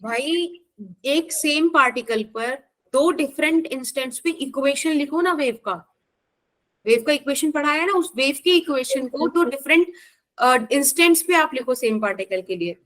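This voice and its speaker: A woman's voice: high voice, expressive, moderate pace, a bit bright. An Indian woman teaching a physics class, explaining patiently and checking in with students by name. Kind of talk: live online class.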